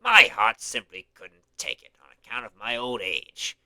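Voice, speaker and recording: A man's voice: mid-range voice, sing-song, moderate pace, bright, forceful tone, no echo, heavily acted, low-quality recording. A man doing a put-on voice of a senile old male lord while reading game subtitles aloud in a mock-solemn way.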